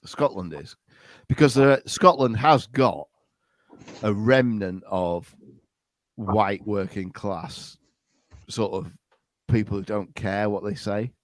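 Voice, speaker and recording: A man's voice: lowish voice, takes it slowly, long pauses, no echo. A man hosting a podcast, talking in a casual, rambling way with lots of restarts and hesitations. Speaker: podcast host. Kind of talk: casual chat.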